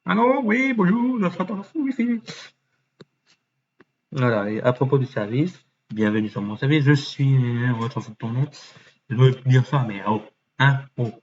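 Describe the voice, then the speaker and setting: A man thinking aloud as he clicks through a website, muttering and swearing under his breath, with many fillers and sudden jumps into a mock high voice. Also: steady tone, moderate pace, darkish tone. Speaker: YouTuber. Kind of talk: casual screen-recording commentary. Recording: dull lo-fi mic with faint noise.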